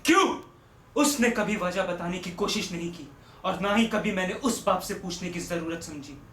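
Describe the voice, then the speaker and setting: A man rehearses dramatic monologues with a high, bright voice. His delivery is theatrical, jumping from loud outbursts to low, hushed lines. He sits well back from the mic in a roomy, echoing space. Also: normal speed. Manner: theatrical, swings between shouts and hushed lines. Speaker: actor practicing. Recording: roomy echo from a distant mic.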